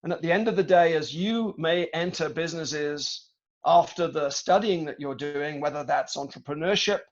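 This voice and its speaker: A middle-aged British man giving a storytelling talk to students over a video call, measured and reflective, with frequent hesitations. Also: fairly high pitch, dull audio. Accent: British English. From Britain. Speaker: guest speaker, tech executive.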